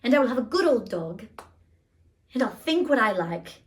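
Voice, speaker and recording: A woman's voice: a little high, sing-song, moderate pace. A woman playing a headstrong young English girl in a British accent, in a theatrical audition monologue. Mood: earnest. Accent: put-on British. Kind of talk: audition self-tape monologue.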